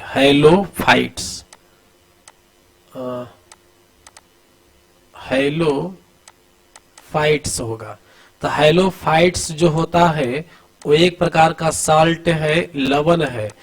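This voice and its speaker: Man, slightly high voice, coaching teacher, exam drill, asks and repeats answers, urges quick replies. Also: poor audio. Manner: addresses students familiarly, urging quick answers. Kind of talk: exam-prep lesson over diagrams.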